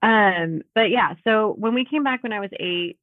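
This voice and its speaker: A woman's voice: mid-range voice, moderate pace, dry recording. A woman in her thirties chatting as a guest over a video call, with frequent laughs and fillers. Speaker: podcast guest. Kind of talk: casual conversational interview. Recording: tinny phone-like audio.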